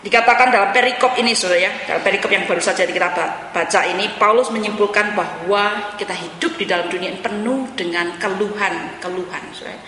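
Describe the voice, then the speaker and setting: A woman preaching in a bright, sharp voice, turning often to the congregation as she talks. The sound rings out with a long echo through a large hall, and a faint room ambience sits behind her. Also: medium pitch, quick pace, hardly any pauses, a little hiss or hum. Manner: addresses listeners as saudara, mixes in English phrases. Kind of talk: sermon. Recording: echoey hall.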